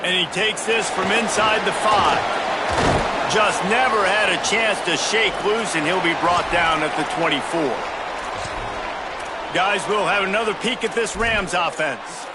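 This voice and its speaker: High-voiced male football play-by-play announcer. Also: a little slow. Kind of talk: live American football commentary. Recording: very loud stadium crowd noise. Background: crowd and stadium ambience.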